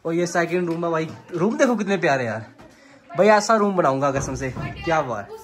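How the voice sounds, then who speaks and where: A man's voice: expressive, a little fast. A young man hosting a casual vlog, showing a rental property and calling his viewers "bhai". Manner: calls viewers "bhai", pitch jumps high when pleading. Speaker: vlogger. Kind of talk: casual vlog tour and argument.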